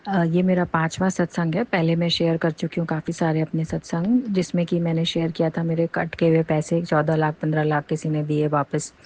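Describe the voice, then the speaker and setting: A woman's voice: sits low, flat delivery, fairly quick, hardly any pauses, darkish tone. A middle-aged woman telling a long, earnest, rambling story of faith and thanks. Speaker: devotee sharing a testimony. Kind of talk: personal testimony monologue.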